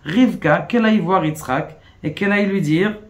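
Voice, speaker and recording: Rabbi, male, lively storyteller, fairly high-pitched, peppers lesson with questions. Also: moderate pace, slight background noise. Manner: storytelling, rhetorical questions, acts out quoted pleas. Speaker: rabbi teaching Kabbalah. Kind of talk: animated Torah lesson.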